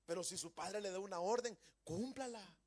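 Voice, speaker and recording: A man's voice: high voice, moderate pace, a little mellow. A man preaching a sermon as pastor, emphatic, asking his congregation rhetorical questions and mixing in folksy humor. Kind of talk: Pentecostal sermon. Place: church.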